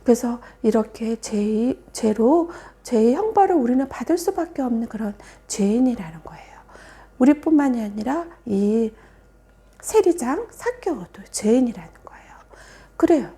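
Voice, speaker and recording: A woman preaching a children's sermon as a story, animated, with soft whispered emphasis. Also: fairly high pitch, moderate pace. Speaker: children's Sunday school preacher.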